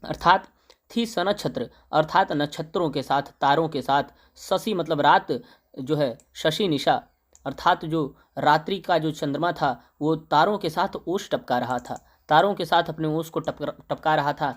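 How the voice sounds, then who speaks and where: A young male teacher explaining a poem line by line, slowly reciting the verse and then paraphrasing it in plain speech with fillers. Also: fairly high pitch.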